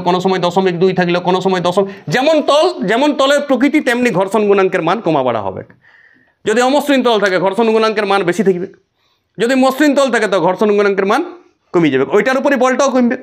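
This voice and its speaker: A man teaching a physics lesson, asking the class questions and answering them himself. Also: high-pitched. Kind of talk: classroom lecture.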